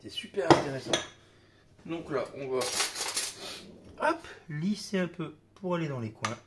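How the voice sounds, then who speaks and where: A man with a fairly high, expressive voice speaks a little slowly while hosting a cooking video, with heavy background noise. Though he has a slight cold, he keeps chatting casually, peppering his talk with "hop" and "hein" over the clatter of dishes and utensils.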